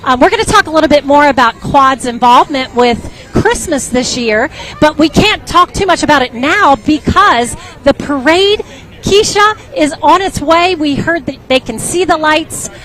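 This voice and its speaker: A woman's voice: sits high, expressive, moderate pace, rough recording. A woman hosting live event commentary outdoors in a chatty, enthusiastic, casual manner. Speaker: parade broadcast host. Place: outdoors on a street at a parade. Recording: street crowd, traffic and loud music behind. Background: music, crowd, vehicles.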